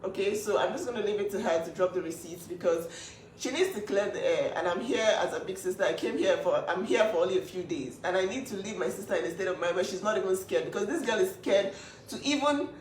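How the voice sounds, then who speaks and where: A woman's voice: mid-range voice, quick pace, a little mellow, slight background noise. A woman speaking up for her younger sister in a casual vlog, emphatic and indignant, with restarts. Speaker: older sister speaking up for family. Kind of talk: casual to-camera vlog talk. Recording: echoey room, voice from a distance.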